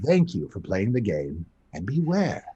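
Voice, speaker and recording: The Duke, slow sinister lilting merchant. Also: male voice, lowish voice, huge pitch swings, dark tone, slightly rough, highs cut off, full character voice. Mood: grateful, ominous. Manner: slow, drawn-out, theatrical. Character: large, sinister, courteous male merchant of a horror game. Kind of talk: re-enacting video game lines.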